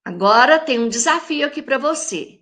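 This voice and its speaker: A Brazilian woman teacher with a Brazilian Portuguese accent gives a recorded classroom lesson to young children, addressing the pupils directly in a friendly teacher's tone. When saying example words she slows down, drawing each syllable out. Her voice sits high and fairly bright, with lively intonation.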